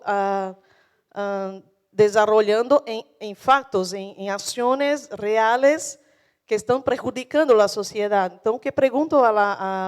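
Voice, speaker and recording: Brazilian lady, native portuguese, clean resonant voice a bit high, searching for words as she asks a panel something. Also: a little mellow. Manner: halting, searching for words in a second language. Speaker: audience member asking a question. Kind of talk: spoken question to a panel.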